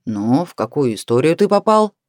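A woman's voice: deep voice, sing-song, normal speed, darkish tone, no room sound, studio quality. A woman voicing a stern but kind older male cemetery watchman who grumbles at a cat. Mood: grumbling.

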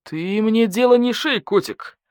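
A woman voicing a rude, streetwise male wolf under suspicion, who snaps back in gruff slang. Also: medium pitch, very animated, brisk, no echo, clean studio sound, pitched above the performer's own voice. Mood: surly. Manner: gruff, snapping slangy talk.

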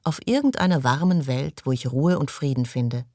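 Audiobook figure: weary man wanting peace, slow and wistful, read by a man. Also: medium pitch, lively intonation, darkish tone, no echo, studio quality, lightly acted.

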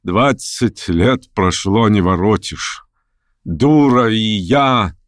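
A man voicing a hot-tempered, imperious older noblewoman who scolds and commands in shrill outbursts. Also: expressive, slow pace, no room sound, clean studio sound. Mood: bitter.

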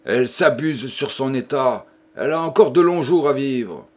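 A man's voice: mid-range voice, lively intonation, normal speed, natural voice. A man voicing a raging, furious husband. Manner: raging, shouting outbursts. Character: furious domineering husband refusing his dying wife a priest. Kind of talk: audiobook character voice.

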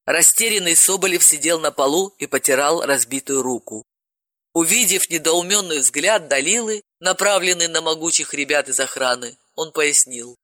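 A woman narrating an audiobook with an expressive reading. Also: low voice, moderate pace, no room sound, clean studio sound. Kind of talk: scripted narration.

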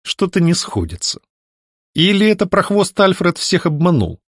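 Man narrating audiobook, lively pitch, higher voice, dry close sound. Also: moderate pace, breathy edge, no echo. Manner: expressive first-person storytelling. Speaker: audiobook reader. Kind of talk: scripted narration.

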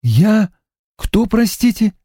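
Man voicing a drowsy, teary young woman detective for an audiobook, higher voice, dry sound. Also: sing-song, slow pace, slightly rough, no room sound, exaggerated voice. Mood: sleepy, touched. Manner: drowsy, softly emotional.

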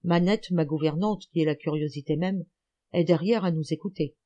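A woman reading an audiobook, voicing an elderly, gouty male amateur detective who is excited, teasing and lecturing. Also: sits low, moderate pace, highs cut off, close to an everyday voice. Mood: eager.

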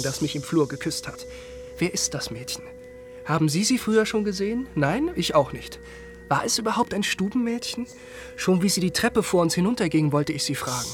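A man's voice: high-pitched, lively intonation, fairly quick, soft background music. An actor playing a flippant, teasing male acquaintance in a radio play, talking in a mocking, theatrical way. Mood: casual.

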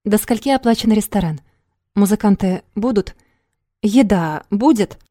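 A woman reading an audiobook, voicing a brash, scheming young man who talks loud and pushy. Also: medium pitch, a little slow, no echo, clean studio sound, lightly acted.

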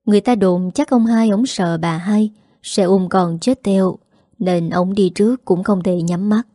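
A woman's voice: mid-range voice, measured pace, mellow, no room sound, studio quality. A woman with a Southern Vietnamese accent narrating a story in a plain, conversational way.

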